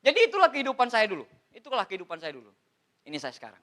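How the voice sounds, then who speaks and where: A man from Indonesia in his thirties giving an animated, joking motivational seminar talk, addressing the audience as Pak. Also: high voice, very fast, heavy background noise. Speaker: motivational speaker on MLM.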